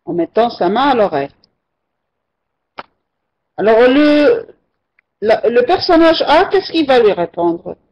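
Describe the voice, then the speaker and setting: A woman's voice: on the high side, sing-song, slow pace, long pauses. A woman teaching an online French class, patiently repeating and correcting her students' answers. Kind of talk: online language lesson. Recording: muffled lo-fi online class recording.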